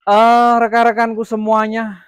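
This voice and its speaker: A man's voice: extremely high pitch, monotone, measured pace, clean tone, no room sound. A man from Jambi, Indonesia, running a casual farm vlog about raising quail, rambling with many fillers and restarts. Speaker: quail farmer vlogger. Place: quail farm, near the cages.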